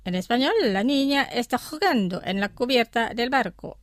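A woman teaching vocabulary in a scripted radio lesson, pronouncing each word slowly and repeating it carefully. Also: fairly high pitch, lively intonation, very noisy. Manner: slow, careful pronunciation with repetitions. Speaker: language teacher.

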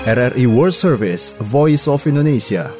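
A man announcing a recorded station ident in a booming, drawn-out voice, heard like a distant AM radio broadcast. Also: expressive. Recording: distant voice over loud music.

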